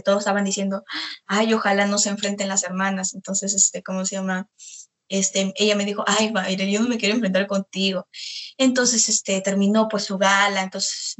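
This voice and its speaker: A woman's voice: mid-range voice, fairly bright tone. A young woman, a singer, chatting in an interview and telling anecdotes with many fillers. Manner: storytelling, many fillers like "este". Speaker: guest singer. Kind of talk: casual interview chat.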